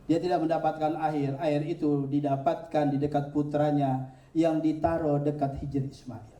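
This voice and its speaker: A man's voice: fairly high pitch, moderate pace. A man preaching to an audience, telling stories and acting out the voices of the people in them. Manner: animated, acts out voices in his stories. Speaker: preacher teaching pilgrimage rites. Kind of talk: sermon with storytelling. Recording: echoey hall, speaker far from mic.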